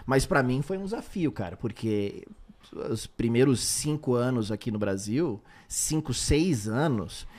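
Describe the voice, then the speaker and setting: A sports commentator, a native English speaker with a slight American accent, tells stories in a casual podcast chat. He's an animated storyteller with a mid-range voice and a somewhat slow delivery.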